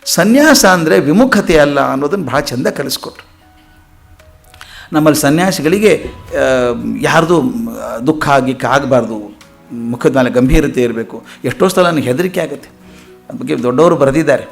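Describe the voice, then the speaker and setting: Gravelly-voiced man telling stories. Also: on the high side, normal speed, long pauses, soft background music. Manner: lively storyteller acting out quoted voices. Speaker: motivational speaker. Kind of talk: storytelling lecture.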